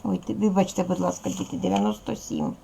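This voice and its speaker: Creaky-voiced woman teacher giving a lesson. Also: lowish voice, very animated, fairly quick, dark tone, slight background noise. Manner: patient, clear instructions to children. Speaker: primary school teacher. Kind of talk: recorded video lesson for children.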